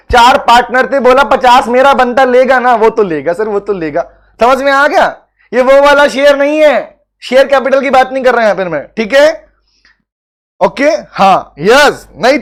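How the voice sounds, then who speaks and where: A man teaching a live online law class, teasing and calling on students by name, repeating phrases for emphasis. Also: very high voice.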